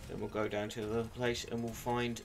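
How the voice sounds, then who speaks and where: A man's voice: on the low side, flat delivery, brisk, creaky. A man giving casual let's play commentary as a game streamer, with game music behind him. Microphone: seated before a webcam.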